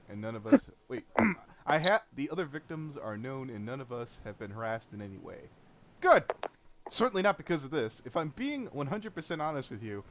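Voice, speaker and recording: Lively-voiced man hosting a casual chat. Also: mid-range voice, noisy background. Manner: laughs often, mocking asides. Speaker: podcast host. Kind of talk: casual chat, reading messages aloud.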